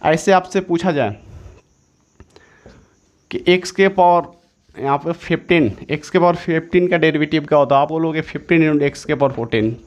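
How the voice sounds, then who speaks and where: A man's voice: on the high side, normal speed, long pauses. A man teaching an exam-prep maths lesson, repeating each step several times and correcting himself as he goes. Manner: self-correcting, says sorry mid-explanation.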